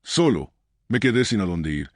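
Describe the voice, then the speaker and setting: Guarded young woman, read by a man, curt, soft, low voice, dry sound. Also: big pitch swings, normal speed, no room sound. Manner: curt, near whisper. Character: guarded homeless young woman, proud and wary.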